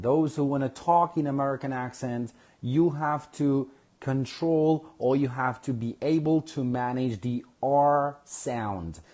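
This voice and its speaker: A man teaching a live online English class, drawing words out slowly for pronunciation and checking in with "all right?". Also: mid-range voice, darkish tone. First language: Kurdish. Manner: slow, drawn-out pronunciation drills with frequent "all right?" checks.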